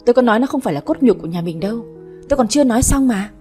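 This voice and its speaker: A woman's voice: fairly high pitch, lively intonation, racing, dark tone, soft background music, lightly acted. A woman voicing an irritable middle-aged mother who complains in exasperation. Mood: exasperated.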